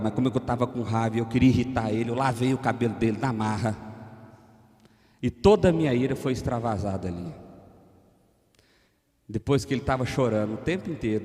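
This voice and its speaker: A man in his thirties with a Brazilian Portuguese accent, preaching a sermon as pastor, moving between quiet personal storytelling and loud fervent preaching. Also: lowish voice. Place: church sanctuary. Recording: long church reverb.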